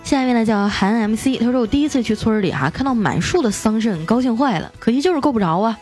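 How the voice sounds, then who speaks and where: A woman's voice: fairly high pitch, animated, a little mellow, soft background music. A woman radio host reading out listener jokes in a playful, chatty way, adding teasing comments of her own. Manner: playful, chatty, teasing asides with drawn-out particles. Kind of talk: lively comic radio reading.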